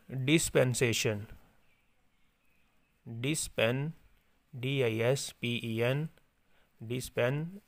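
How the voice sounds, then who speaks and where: A man teaching an English spelling lesson, slowly repeating each word and spelling it letter by letter. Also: mid-range voice, no room sound. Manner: slow, repetitive dictation, repeating each word several times.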